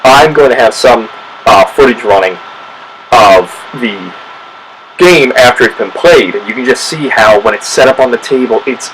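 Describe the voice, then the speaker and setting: A man hosting a casual board game review, chatty and relaxed, correcting himself as he goes. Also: on the low side, slight background noise, rough recording.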